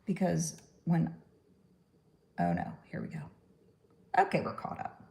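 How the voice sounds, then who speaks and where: A stop-motion puppet maker, a New York woman with a Texan accent, chats casually during a crafting livestream, rambling and laughing at her own puns. Her voice is low, creaky, and a little mellow, very animated though a little slow.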